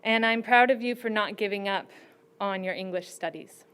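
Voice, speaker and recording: A woman judge giving prepared, teacherly advice to students in a slow and deliberate way. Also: mid-range voice, a bit bright, clean tone.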